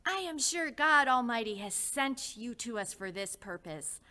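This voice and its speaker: A fervent, devout old man presses his case in a slow, earnest, preacherly cadence, as a woman puts him on. The voice is bright and drawn out, each plea lingering. He is set in a dramatized history story. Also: a little high, animated, pitched above the performer's own voice. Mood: insistent. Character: fervent devout older male host, insistent. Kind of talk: storytelling reenactment.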